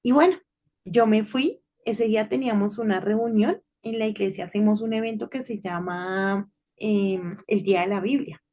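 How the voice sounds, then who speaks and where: A middle-aged woman giving an informal devotional talk to children, telling a story in a chatty way and often checking in with a quick "right?". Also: mid-range voice, mellow. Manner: chatty storytelling with frequent tag questions.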